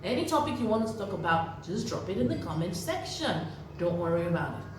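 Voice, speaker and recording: A woman's voice: on the low side, sing-song, fast talker. Earnest woman in a very echoey room. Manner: earnest, preachy, repeats key phrases for emphasis. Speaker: parenting vlogger. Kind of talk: direct-to-camera parenting advice. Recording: very echoey room, voice from a distance, faint noise.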